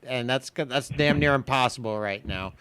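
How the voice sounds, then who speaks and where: A man's voice: medium pitch, moderate pace, fairly bright tone, slight background noise. A man hosting a casual interview, cutting in often and stammering as he repeats his words. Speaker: vlogger interviewing own mother.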